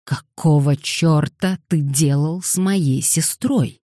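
A woman's voice: deep voice, slow, mellow, dry recording, studio quality. Woman reading as a furious hissing young man. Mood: angry. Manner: hissing through clenched teeth. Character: furious young man, brother, quick-tempered.

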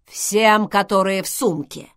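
A woman doing a rude old crone on a magic intercom in a storybook, her creaky, hoarse voice drawled out slow and loud, each word a jeer. The pitch swings widely between phrases. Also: lively intonation, dry recording, studio quality, exaggerated voice. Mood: mocking. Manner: slow, loud, mocking pronouncements.

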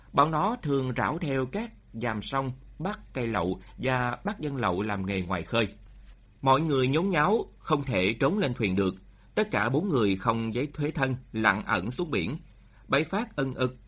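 A man narrating a story in an expressive way, speeding up and slowing down for drama. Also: medium pitch, husky. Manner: expressive, shifting pace for drama.

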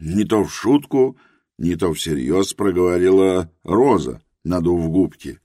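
Low-voiced guy reading an audiobook, lots of swing in his voice, dry close sound. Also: animated, measured pace, dark tone, dry recording. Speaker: narrator. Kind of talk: audiobook narration.

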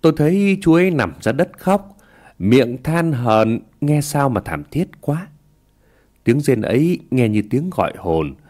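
A man narrating a ghost story in a slow, hushed storytelling manner. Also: on the high side.

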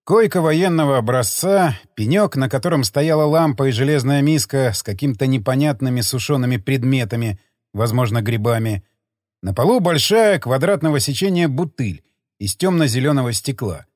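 A man narrates an audiobook expressively, like a storyteller, at a moderate pace and medium pitch. The scripted narration has clean studio sound with no room sound.

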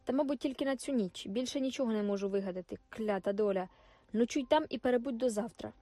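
A woman's voice: a little high, quick pace, dark tone, dry recording, close to an everyday voice. A woman reading the lines of a brash, dismissive young male soldier, curt and commanding. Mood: hurried.

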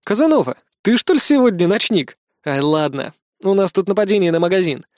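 A man voicing a brisk, businesslike male police lieutenant over an earpiece in an audiobook. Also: sits high, animated, a little mellow, dry recording, studio quality, voice pushed up.

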